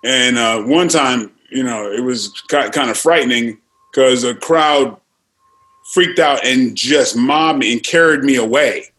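Male panel guest, mid voice, earnest, halting with fillers. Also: medium pitch, a bit bright, poor audio. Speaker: martial arts actor, panel guest. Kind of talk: panel discussion.

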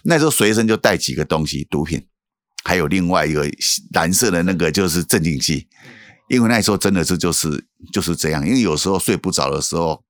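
A man with a low voice and a Taiwanese Mandarin accent tells his life story as a pastor guest. His pitch rises and falls widely, and his speech is halting, with repeated words and frequent "you know?". The sound is close and dry. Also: animated, no echo. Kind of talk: emotional testimony in casual interview.

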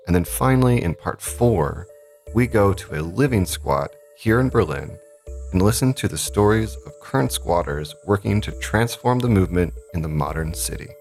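A man from the United States co-hosts a casual podcast chat in an easy, conversational way. His voice sits very low, and soft music plays faintly underneath. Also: animated, moderate pace, creaky. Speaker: podcast co-host.

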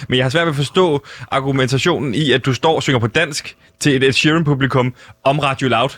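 A young man co-hosting an improvised comedy chat, asking questions in a deadpan, mock-serious way. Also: mid-range voice, no room sound. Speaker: comedy co-host.

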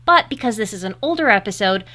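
Lively, giggly female podcast host. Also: medium pitch, quick pace, dry recording. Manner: joking, giggly. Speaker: podcast co-host, wedding planner. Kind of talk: casual chat.

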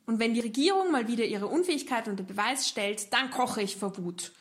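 Austrian lady doing a cabaret bit, playful, kinda high-pitched. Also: fairly quick. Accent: Austrian German. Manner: playful, acts out joke voices. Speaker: cabaret artist. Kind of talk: scripted cabaret monologue.

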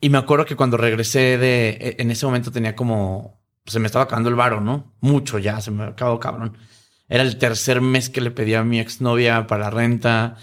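A man's voice: mid-range voice, fairly even intonation, fairly quick. A middle-aged man with a Mexican accent, a guest in an interview, telling stories in casual, profane slang and acting out the people in them. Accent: Mexican Spanish. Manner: profane slangy storyteller, acts out voices.

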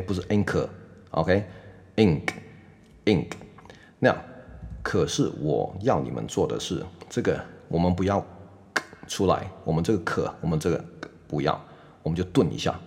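Low-voiced man teaching pronunciation. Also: gravelly, darkish tone. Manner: explains patiently, slows down to model sounds; sprinkles "OK" through his speech. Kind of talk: online pronunciation lesson.

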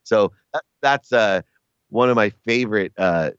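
A middle-aged man, a sports agent guest, telling stories in a casual, animated way and jumping to a high pitch when he quotes people. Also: a little slow, clear, resonant tone, dry recording. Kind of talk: casual storytelling. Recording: dry, dull lo-fi sound.

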